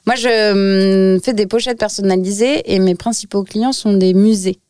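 A woman who runs a small business, chatting casually on a podcast and telling lively anecdotes. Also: medium pitch, moderate pace, clean tone, no room sound. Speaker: guest entrepreneur. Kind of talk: casual chat.

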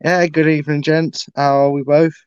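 A man's voice: a little high, level tone, moderate pace, clean tone. Man on a lo-fi call with a repeating echo. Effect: repeating echo on his call audio. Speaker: guest on a live online show. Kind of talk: casual chat. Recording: lo-fi remote call line.

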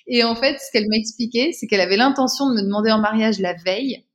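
A woman's voice: on the high side, fast talker. Hesitant woman telling a personal story. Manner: hesitant, many fillers and restarts. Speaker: interview guest.

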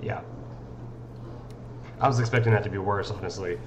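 Low-voiced laid-back podcast co-host, man. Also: normal speed, muffled recording, background noise. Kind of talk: casual sports chat.

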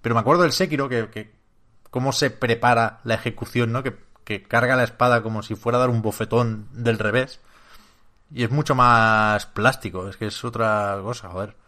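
A man co-hosting a casual chat, animated and trailing off. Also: mid-range voice, normal speed. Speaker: podcast co-host.

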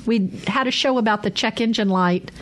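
A woman's voice: fairly high pitch, moderate pace. A woman hosting a call-in show in a conversational, chatty and courteous manner. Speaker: radio host.

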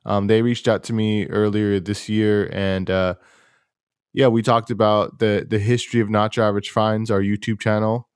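A young man hosts a casual podcast in a low, fairly monotone voice. He rambles along in a laid-back way and leans on plenty of fillers. The recording is dry and close. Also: normal speed, clean tone, no echo. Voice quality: self-described monotone voice. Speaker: podcast host.

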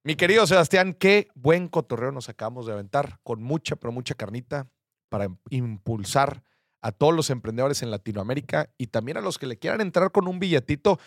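A man's voice: medium pitch, expressive, fairly quick, no echo, clean studio sound. A man hosting a podcast interview, friendly and upbeat, using casual slang as he asks questions. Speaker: podcast host.

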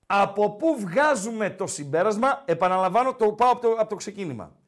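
A Greek-accented man hosting a casual sports podcast in a high, animated voice. He talks fast and loose and ribs his co-host as he goes. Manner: teasing, animated, repeats the co-host's name.

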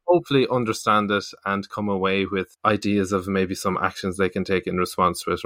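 A man's voice: sits low, bright, forceful tone, no room sound, clean studio sound. A man in his thirties with a west of Ireland accent, chatting casually as an interview guest on a podcast. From Galway, west of Ireland. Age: 30s.

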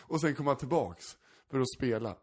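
A man's voice: mid-range voice, breathy edge. En man som berättar en pinsam anekdot i ett avslappnat samtal, skrattar ofta, svär och spelar upp röster. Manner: animated, acts out voices in anecdotes, swears freely; laughs often while talking. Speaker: stand-up comedian, podcast co-host. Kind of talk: casual storytelling chat.

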